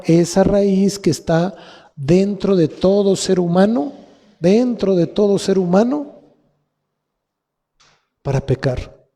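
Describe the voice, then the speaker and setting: Man, Mexican Spanish accent, pastor, sermon, rhetorical questions, slightly high voice. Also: warm tone. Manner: preaching with rhetorical questions to the congregation. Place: church hall. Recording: long hall reverb.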